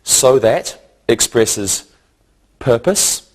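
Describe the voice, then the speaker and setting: The audio is poor as a medium-pitched man gives a scripted English grammar lesson with animated delivery. He remains deliberate and didactic, spelling out points in short phrases.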